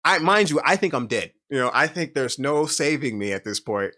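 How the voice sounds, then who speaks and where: A man's voice: mid-range voice, lively intonation, moderate pace, sharp tone. A man telling a personal story in casual chat, rambling and emotional, with many restarts and fillers. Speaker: podcast guest.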